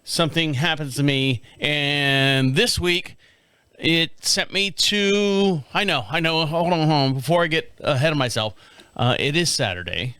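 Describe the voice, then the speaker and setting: A man's voice: a little high, a little slow, bright, forceful tone, clear, resonant tone, dry recording. A man in his fifties hosting a solo podcast from a studio, rambling and repeating himself, laughing often. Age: 50s. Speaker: podcast host. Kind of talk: casual solo monologue.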